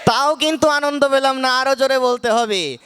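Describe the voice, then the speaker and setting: A man giving a devotional discourse at a night gathering, preaching in a melodic way and leading the crowd in call-and-response chanting, his voice hoarse from calling out. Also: very high voice, moderate pace, a bit bright, a little hiss or hum. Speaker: Bhagavat reader and preacher.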